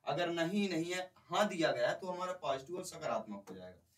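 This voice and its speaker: A man's voice: on the high side, lively intonation, fairly quick, distant mic, low-quality recording. A male teacher giving an exam-prep lecture, explaining by repeating points and putting questions to the class.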